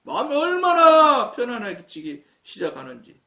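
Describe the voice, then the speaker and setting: A man's voice: very high-pitched, huge pitch swings, normal speed, gravelly, bright, forceful tone. A man from Chungcheong with a Chungcheong accent, preaching a sermon, telling his story and acting out the dialogue. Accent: Chungcheong Korean. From Chungcheong, Korea. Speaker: pastor. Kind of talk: sermon talk. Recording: echoey room, mic at a distance.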